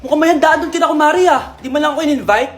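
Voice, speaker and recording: A woman's voice: high-pitched, very fast, roomy sound, over loud music. A woman acting out a comedy skit on her own, switching between a scolding mother and a whiny child, with bickering and teasing. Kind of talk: comedy skit playing several family roles.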